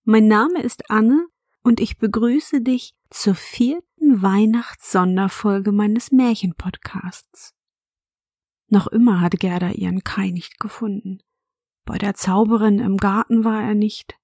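A woman hosting a fairy-tale podcast, telling a bedtime story in a soft, gentle whisper, speaking to a child. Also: medium pitch, takes it slowly, no echo, clean studio sound.

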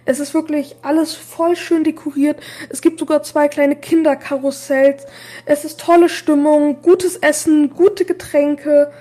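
High-voiced upbeat woman presenter. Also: fairly even intonation, a little slow, warm tone. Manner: enthusiastic, recommending to listeners. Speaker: school podcast host and reporter.

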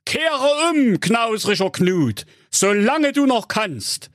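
A man's voice: extremely high pitch, sing-song, takes it slowly, fairly bright tone, dry recording, studio quality, voice pushed up, heavily acted. A man voicing a stingy old ghost. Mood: warning. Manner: solemn warning.

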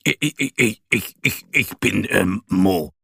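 A man's voice: low voice, steady tone, slow pace, sharp tone, breathy edge, no echo, clean studio sound, heavily acted. A man voicing a shy little male bear in a children's story who stammers when nervous. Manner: stammering, hesitant.

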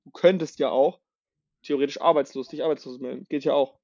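A man co-hosting a podcast in casual discussion, talking in quick, loose restarts. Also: medium pitch, fairly even intonation, a little mellow, highs cut off. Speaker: podcast co-host. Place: shared house in Marbella.

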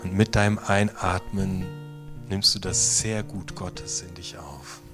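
Slow, soft-spoken man leading a meditation. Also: sits low, steady tone. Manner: slow, soft, at times whispered guidance. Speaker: pastor. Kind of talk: guided meditation within a sermon. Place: theater stage. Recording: guitar music playing underneath. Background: soft guitar music.

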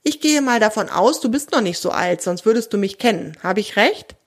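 A woman's voice: medium pitch, animated, fairly quick. A woman voicing a proud, friendly female wild boar in a children's audio story, speaking with dignity and easy indignation.

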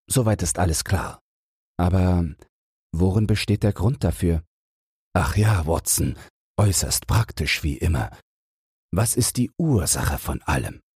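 A man reading the part of Sherlock Holmes, a keen analytical detective, in a measured way for a sleep audiobook. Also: sits low, darkish tone, husky, no echo, studio quality, heavily acted. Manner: measured, reasoning aloud.

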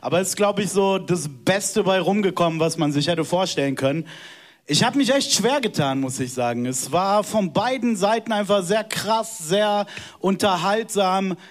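A man's voice: high-pitched, normal speed. A man judging a rap battle live, giving his verdict casually with hesitant fillers. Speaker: judge.

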